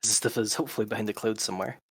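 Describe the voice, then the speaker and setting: A man's voice: fairly low pitch, fairly even intonation, rapid-fire, breathy edge, no echo. A man playing a tabletop game, casually describing what his character does. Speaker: player.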